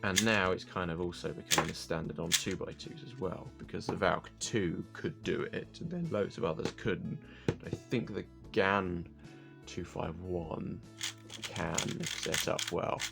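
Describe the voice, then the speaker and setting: Male reviewer, low gravelly voice, loose rambling delivery, music underneath. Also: unhurried. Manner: rambling, self-correcting, thinking aloud. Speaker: cube reviewer. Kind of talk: casual unboxing review. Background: background music.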